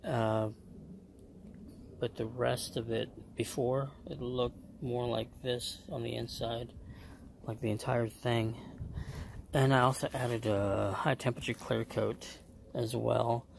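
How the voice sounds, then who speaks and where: This is a man talking casually to his camera about his own engine build. His voice has a gravelly edge and stays flat in pitch. He explains step by step, pausing often and filling the gaps with small hesitations. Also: a little hiss or hum. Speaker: home car mechanic.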